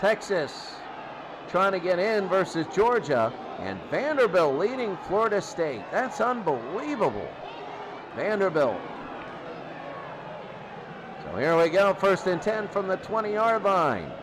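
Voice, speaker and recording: This football play-by-play announcer has a high-pitched voice with big pitch swings and a slow pace, and the background is noisy. He makes short, clipped, excitable calls, repeating his phrases often.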